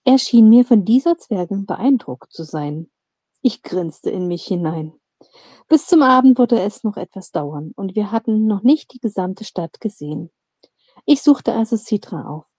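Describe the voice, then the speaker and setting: A woman reads a fantasy audiobook aloud in a calm, measured way. Her voice is mellow and dark, close and dry with no room sound. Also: medium pitch, dry recording. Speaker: narrator. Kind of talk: audiobook reading.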